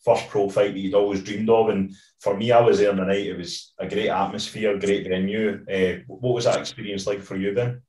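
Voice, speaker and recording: Deep flat-voiced interviewer, off-mic. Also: male voice, fairly quick, hardly any pauses, distant mic. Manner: long rambling questions with fillers. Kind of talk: interview questions. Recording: roomy and off-mic.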